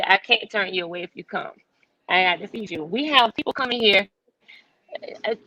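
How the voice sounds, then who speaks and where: A woman's voice: medium pitch, bright, forceful tone, no echo, highs cut off. A woman with a Southern US accent who owns a restaurant, speaking as an interview guest. She tells personal stories in an earnest, heartfelt way and repeats herself when she is moved. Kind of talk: emotional personal storytelling.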